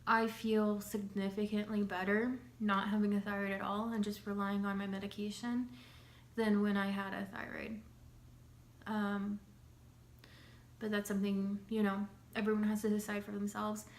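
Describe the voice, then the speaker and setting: A young woman vlogger with a slight cold talks to camera about her recovery, her voice mid-range, level, and moderately paced. She rambles loosely with plenty of fillers and clears her throat, recorded in an echoey room with a faint hum.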